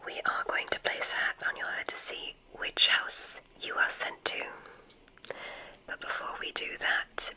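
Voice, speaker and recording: In an ASMR roleplay, a woman plays a kindly witch medical examiner at a magic school, whispering gently, breathily, and unhurriedly. She soothes with theatrical word choices and soft repetitions, though the recording is rough.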